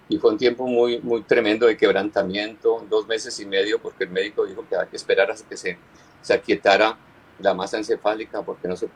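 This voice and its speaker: A pastor giving an earnest personal testimony, often halting and repeating his words as he recounts. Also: on the low side, husky, low-quality recording.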